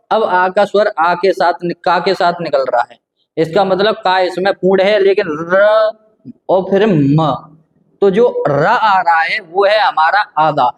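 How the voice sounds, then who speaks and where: A man's voice: high-pitched, a little slow. A man teaching a grammar lesson, patient and repetitive, asking himself questions and answering them. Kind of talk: grammar lesson explaining at a board.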